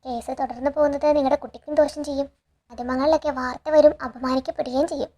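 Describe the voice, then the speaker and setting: A woman reading a smooth scheming young woman. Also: high voice, fairly even intonation, fast talker, mellow, close to an everyday voice. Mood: persuasive.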